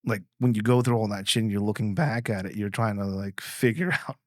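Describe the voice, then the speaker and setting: A man's voice: lowish voice, fairly quick, no room sound, clean studio sound. A man hosting a podcast in a casual, rambling way, restarting often and swearing freely. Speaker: podcast host. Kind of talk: casual conversation.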